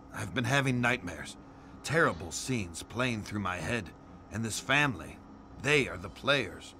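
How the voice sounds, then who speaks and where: Troubled penitent, low bright voice. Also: male voice, full character voice. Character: troubled, guilt-ridden grown man confessing to a priest. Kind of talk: video game cutscene acting. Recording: noisy game audio with background ambience.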